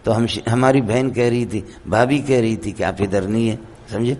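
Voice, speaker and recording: A hoarse man giving a Quran commentary lecture in a madrasa, telling stories and often checking that his listeners understand. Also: on the low side, darkish tone. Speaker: Quran teacher.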